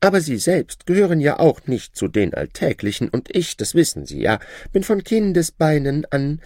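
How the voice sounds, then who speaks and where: A man voicing a boastful shadow who has become a rich gentleman, speaking in a smug, showy, raised voice. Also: sing-song, normal speed, dry recording, clean studio sound. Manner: smug and showy, high-pitched put-on voice.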